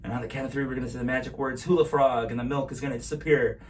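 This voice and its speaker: A man's voice: mid-range voice, little pitch movement, racing. A man talking like a kids party magician, playful and chatty as he presents a live magic show and addresses viewers as guys. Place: at home in an apartment. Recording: distant mic, noisy room ambience.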